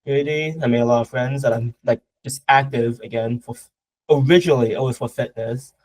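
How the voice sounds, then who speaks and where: A man's voice: medium pitch, brisk, a little mellow, no room sound, low-quality recording. A young man from Southern Vietnam, answering interview questions casually, with a lot of hesitation, fillers and restarts. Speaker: guest martial artist.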